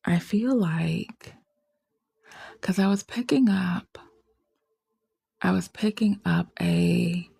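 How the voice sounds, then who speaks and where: Low, gravelly, soft-spoken woman. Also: slow, pauses often, no room sound, studio quality. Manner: rambling, soft-spoken, often drifting into whispers. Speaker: tarot reader. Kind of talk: casual reflective chat.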